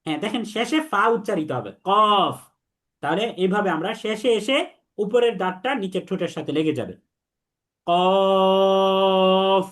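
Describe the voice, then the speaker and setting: A young man teaching Arabic letter pronunciation, repeating sounds slowly for students to echo back. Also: high voice, lively intonation. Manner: slow, repetitive drilling, has students repeat after him. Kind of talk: online lesson on Arabic letters.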